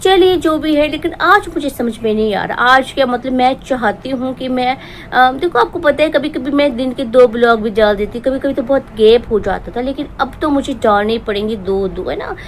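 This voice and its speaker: A woman's voice: sits high, moderate pace, hardly any pauses, slight background noise. A woman playing a jealous, self-pitying female vlogger in a comic parody monologue, rambling and sarcastic with bouts of fake tears. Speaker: parody performer.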